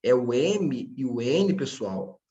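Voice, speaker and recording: A man's voice: medium pitch, sing-song, takes it slowly, mellow, highs cut off. A man teaching a grammar lesson, patient and checking in with his students often. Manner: speaks to his students directly.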